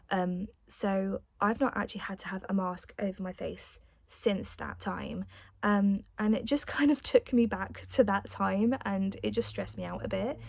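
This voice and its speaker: A woman's voice: mid-range voice, creaky, darkish tone, dry recording. A young adult woman telling a personal story in a casual, chatty vlog style, with the odd light giggle. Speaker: vlogger.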